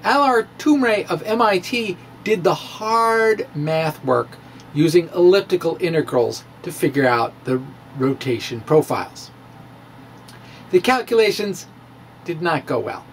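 In a small room lined with bookshelves, a science blogger gives a theatrical, dramatic reading of his popular science blog into a handheld-style mic on a stand close in front. The man's fairly high, expressive voice moves slowly and swoops, stretching out emphasis with pauses. The low-quality recording carries a little hiss or hum.

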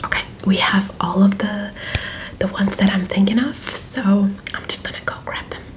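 A young woman in a whispered role-play as a friendly, helpful librarian, speaking in a soft library whisper. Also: medium pitch, normal speed, rough recording. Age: young adult. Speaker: ASMR performer playing a librarian. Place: small indoor room with bookshelves.

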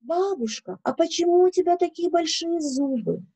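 A woman's voice: very high-pitched, lively intonation, normal speed, dark tone, voice pushed up. A woman voicing an innocent, curious little girl in a fairy tale, with a sing-song, wondering manner.

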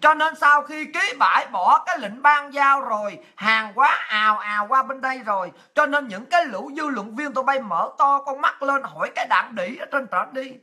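A woman's voice: high-pitched, normal speed, hardly any pauses, pushed and bright. A woman, delivering a blunt, scolding political monologue full of exclamations and coarse slang. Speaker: political commentary host. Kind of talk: impassioned monologue.

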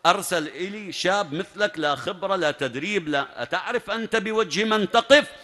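Male preacher, bright and forceful, dramatic sermon storytelling, echoing hall. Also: high voice, fairly quick. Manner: dramatic, emphatic narration with rising bursts. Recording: long reverb at a large venue.

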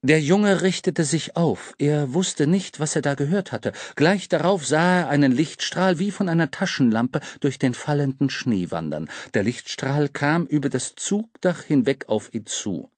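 Male audiobook narrator, animated, expressive delivery, dry close-mic studio recording. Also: fairly high pitch, unhurried, hardly any pauses, no room sound. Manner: lively, dramatic storytelling. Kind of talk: scripted narration.

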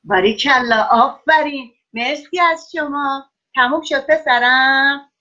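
A woman's voice: high voice, sharp tone. A woman teaching children in an online class, praising and encouraging each pupil by name. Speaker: schoolteacher. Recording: dull lo-fi online call audio.

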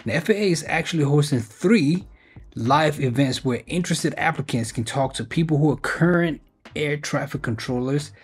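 A man with a slightly high, somewhat rough voice talks at a normal pace. He hosts a casual explainer video about job openings, reading a web page conversationally and emphasizing the key points.

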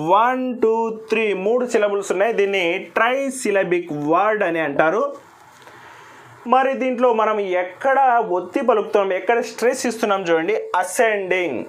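A man from Andhra Pradesh teaching an English lesson in a patient, step-by-step way, saying each example word slowly several times. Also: high voice. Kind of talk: recorded classroom lesson.

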